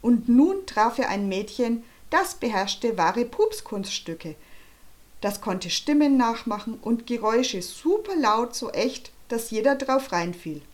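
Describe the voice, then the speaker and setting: A woman narrating a children's audiobook in a lively storytelling manner. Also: a little high, unhurried.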